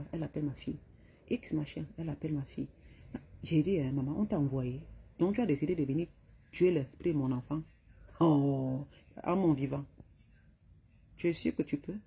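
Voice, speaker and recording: Middle-aged woman, Cameroonian French accent, raspy and fried voice, furious scolding vlog rant. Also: sits low, warm tone. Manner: heated, scolding, insulting tirade. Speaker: vlogger.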